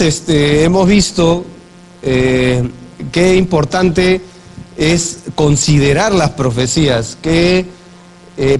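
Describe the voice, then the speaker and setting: A man preaching a sermon as pastor, slowly reading Bible verses aloud and asking the congregation questions. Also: on the high side, darkish tone, slight background noise. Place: church.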